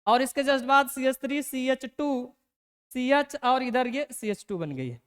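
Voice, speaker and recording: A man's voice: very high voice, fairly bright tone, clear, resonant tone. A man teaching chemistry in a casual, folksy lecture, coaching students and stretching out key terms. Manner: folksy, drawn-out coaching, calls students "बालक"; slows to dictate terms word by word. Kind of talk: Hindi classroom lecture.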